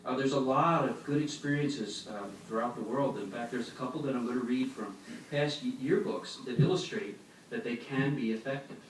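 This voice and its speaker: Standing some distance from the microphone in an echoey meeting hall, a man gives an instructional religious talk to a congregation, demonstrating as he goes. His medium-pitched voice moves at a moderate pace and explains things plainly. Heavy room echo and faint noise color the recording.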